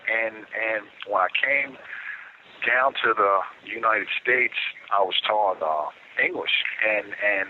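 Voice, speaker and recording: A man with a pronounced stutter speaks slowly over a prison phone call, his first language French. He halts, repeats words and fills the gaps with pauses. The line is narrow and tinny, with a faint hiss behind him. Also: lowish voice. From Baltimore, Maryland. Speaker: prison inmate. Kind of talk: phone interview.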